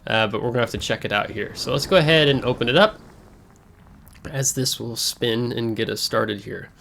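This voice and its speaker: A man with a slightly congested, stuffy voice hosts a casual game overview from a desk microphone at home. He talks in a chatty, rambling way, full of fillers and quick self-corrections. His pitch sits in the middle range for a man. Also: creaky, fairly bright tone. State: congested from air travel. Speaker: gaming channel host.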